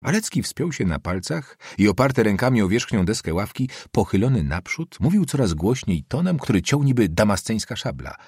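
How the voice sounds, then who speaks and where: Man reading a novel out loud, lowish husky voice, lively, dry sound. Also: moderate pace, hardly any pauses, dry recording. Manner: expressive, dramatic reading. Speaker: audiobook narrator. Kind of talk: literary narration.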